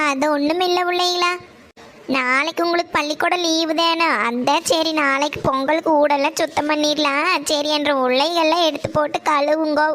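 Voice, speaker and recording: A woman's voice: sits high, a bit bright. A woman voicing a cheerful village mother in a cartoon, with a Coimbatore Kongu Tamil accent and a folksy, scolding way of talking.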